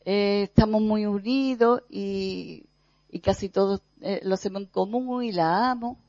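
A preacher from gives a reflective spiritual teaching, speaking thoughtfully with pauses and soft repetitions. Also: medium pitch, no room sound. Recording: dull, dry lo-fi recording.

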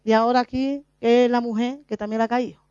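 Woman, high pitch, animated testimony, dull dry recording. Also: brisk, clear, resonant tone, no room sound. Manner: animated, laughs often, acts out her own past voice. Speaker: lay preacher. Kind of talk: spontaneous spiritual testimony.

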